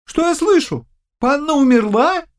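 A shrill frantic young servant. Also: male voice, expressive. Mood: bewildered. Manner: shrill, panicky, rushed. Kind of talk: audiobook character voice.

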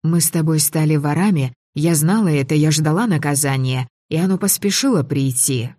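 Woman, first-person audiobook narration, low mellow voice, expressive, dry close recording. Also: normal speed, dry recording. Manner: expressive, lively in dialogue.

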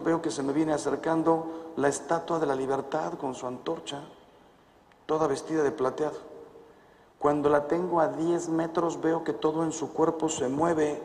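A man's voice: fairly high pitch, darkish tone. A Mexican priest in his fifties telling a story to an audience, acting out the dialogue and breaking into emphatic outbursts. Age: 50s. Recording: echoey hall, long reverb.

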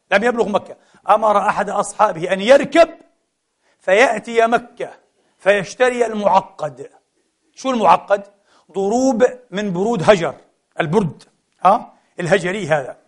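Middle-aged male preacher, quick delivery, lively sermon mixing formal and colloquial speech. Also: high voice. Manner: animated, switches between classical Arabic and colloquial asides, rhetorical questions. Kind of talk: Friday sermon to a congregation.

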